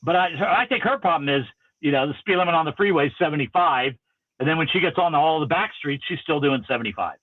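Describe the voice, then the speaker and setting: A man spins a casual story on a podcast and acts out the dialogue as he goes, his pitch bouncing high and low. His voice is a bit high for a man. The sound is dry and slightly dull. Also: animated, quick pace, dry recording.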